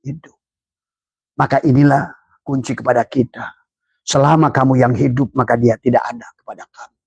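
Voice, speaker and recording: Gravelly-voiced man preaching a sermon. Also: dry recording. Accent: Indonesian. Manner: preaching with rising emphatic pitch. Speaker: religious teacher. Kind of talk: Islamic sermon.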